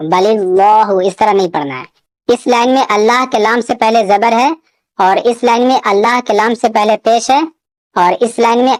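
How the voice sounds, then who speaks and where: A woman teaching Quran reading, reciting words slowly and drawn out, with quick explanations between them. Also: mid-range voice, no room sound.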